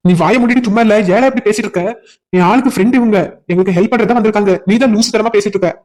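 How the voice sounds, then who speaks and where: Quick-talking man with a south Tamil accent. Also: high-pitched, a little mellow. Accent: south Tamil Nadu dialect. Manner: joking and flustered, laughs between lines. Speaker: voice actor for a cartoon series. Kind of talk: cartoon drama voice acting.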